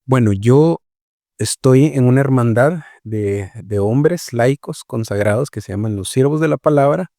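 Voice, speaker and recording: A Guatemalan missionary appears as a guest in a conversational interview, his medium-pitched voice warm and recorded in a clean studio with no room sound. He explains his work reflectively and slowly, using many fillers and often checking in with "¿verdad?"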